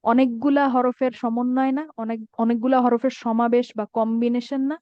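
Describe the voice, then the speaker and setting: A woman's voice: fairly high pitch, flat delivery, normal speed, darkish tone, dry recording. A woman teaching an online Arabic grammar class, patiently checking that students follow. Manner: patient, checks understanding often. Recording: dull dry lo-fi sound.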